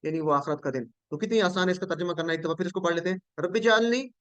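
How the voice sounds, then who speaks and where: High, smooth-voiced male teacher. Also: racing, fairly bright tone, no room sound, lo-fi sound. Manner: patient, repetitive, quizzes students. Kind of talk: Quranic Arabic lesson.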